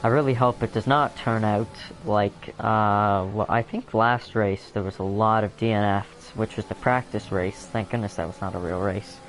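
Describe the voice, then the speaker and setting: A man's voice: on the low side, fairly even intonation, normal speed, hardly any pauses, low-quality recording. Rambling young male sim-racing commentator. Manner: rambling, filler-heavy, self-correcting. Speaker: race commentator.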